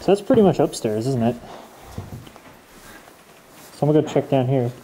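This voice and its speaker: A young man chats his way through an abandoned house, thinking out loud and laughing at what he finds. His voice is very dark and mellow, at an ordinary pitch for a man. Faint background hiss sits under the camera mic. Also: animated, normal speed, low-quality recording. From Canada. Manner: chatty, laughs easily, thinks aloud. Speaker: urban explorer host. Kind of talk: casual walkthrough narration. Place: empty abandoned house, indoors. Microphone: camera mic, wearing a respirator mask.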